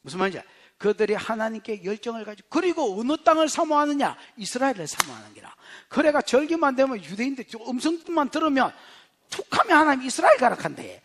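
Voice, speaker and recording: A male pastor with a Gyeongsang Korean accent, preaching an expository sermon in a blunt, colloquial way that swings from shouting to whispering. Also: extremely high pitch, big pitch swings, fast talker. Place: church sanctuary.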